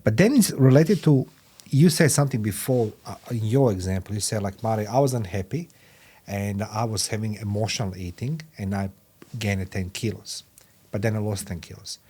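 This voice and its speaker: A man in his fifties with a low-pitched voice hosts a podcast interview. He rambles a little and keeps coming back to stock phrases. When a point matters to him he gets loud and forceful. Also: moderate pace, breathy edge. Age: 50s. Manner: rambling, repeats "you know what I mean", non-native phrasing. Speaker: podcast host. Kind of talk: conversational interview.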